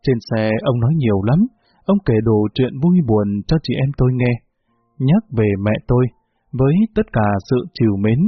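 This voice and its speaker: Male storyteller, husky voice, thin phone-like recording with faint music underneath. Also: medium pitch, animated, normal speed, dry recording. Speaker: narrator. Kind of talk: storytelling narration.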